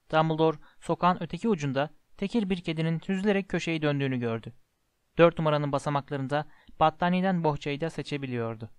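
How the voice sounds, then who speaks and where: A man reading a storybook aloud in a measured way, slowing down for descriptive passages. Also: on the high side, smooth, no room sound. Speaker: audiobook narrator. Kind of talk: storybook narration.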